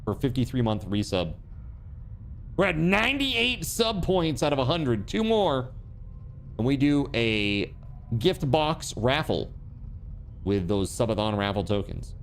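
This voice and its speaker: A man livestreaming and chatting casually with viewers, giving shout-outs in an excitable, hyped way with repeated words and exclamations. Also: medium pitch, measured pace, long pauses, a little hiss or hum. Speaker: live game streamer.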